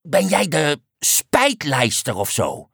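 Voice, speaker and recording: A woman's voice: low-pitched, huge pitch swings, slow pace, vocal fry, a bit bright, husky, dry recording, clean studio sound, pitched above the performer's own voice, heavily acted. A woman doing a grumbling grumpy rhino. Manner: grumbling, blunt. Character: grumpy irritable male rhinoceros. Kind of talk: storybook character voice.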